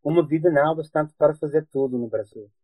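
Mellow, halting man with mixed foreign accent. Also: on the high side, slightly rough, no echo, low-quality recording. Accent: foreign, mixing European and Brazilian Portuguese. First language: not a native Portuguese speaker. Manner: halting, searching for words, repeating himself. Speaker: interview guest. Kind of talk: casual chat.

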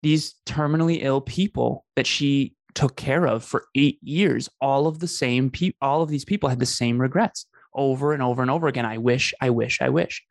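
A man's voice: medium pitch, moderate pace, gravelly, few pauses, no echo, clean studio sound. A man, telling his life story in an earnest, emphatic conversational way. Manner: earnest, emphatic, repeats phrases for effect. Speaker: podcast host telling his story as a guest.

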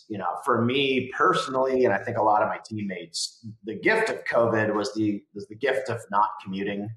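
Male interview guest, fairly deep, conversational delivery, recorded in a reverberant home room. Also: a bit bright. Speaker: podcast guest, business leader. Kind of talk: casual interview chat. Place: home guest bedroom or office. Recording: roomy home echo.

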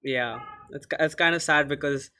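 A man's voice: on the high side, normal speed, pushed and bright. A teenage boy from India co-hosting a casual podcast, talking loosely with lots of fillers. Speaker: podcast co-host.

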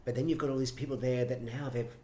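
A middle-aged man, a choreographer and director, telling stories with animated enthusiasm in an interview. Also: mid-range voice, quick pace, slight background noise. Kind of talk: conversational interview. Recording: roomy echo, faint ambience.

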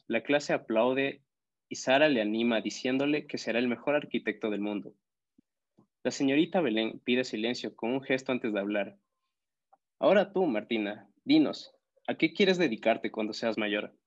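A man reads a children's story aloud in a steady voice of medium pitch. The recording sounds a little dull and lo-fi. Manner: steady reading voice. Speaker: audiobook narrator. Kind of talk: scripted storybook narration.

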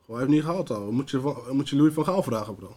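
Fast-talking man arguing about football. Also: medium pitch, lively intonation, dark tone. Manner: fast, argumentative, says "bro" constantly. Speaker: podcast co-host. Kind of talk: casual chat.

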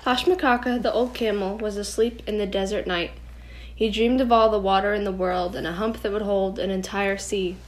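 A middle-aged woman reading a children's storybook aloud at home, gently and expressively. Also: mid-range voice, steady tone, normal speed. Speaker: storybook reader.

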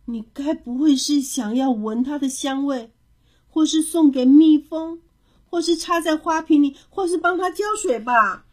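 Woman doing an excited little boy, high and eager. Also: a little slow, hardly any pauses. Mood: anxious. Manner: excited, insistent calling out. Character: eager little boy, proud of his drawing.

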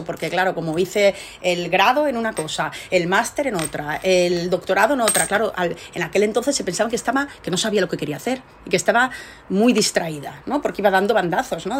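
A woman's voice: fairly low pitch, a little hiss or hum. A middle-aged woman scientist answering interview questions, telling her story with animation and many rhetorical tags. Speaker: scientist guest.

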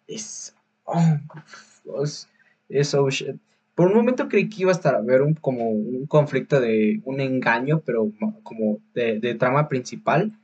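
A man's voice: mid-range voice, animated, unhurried, a little mellow, breathy edge, highs cut off. A man with a Mexican Spanish accent hosting a podcast, reviewing films in casual chat, rambling with many fillers, restarts and slang. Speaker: podcast host.

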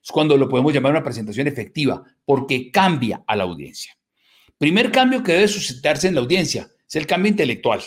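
Middle-aged man, slightly raised pitch, motivational workshop speaker, emphatic and rhetorical. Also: big pitch swings, a little fast. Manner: emphatic lists and rhetorical tag questions. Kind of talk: motivational lecture to a live audience.

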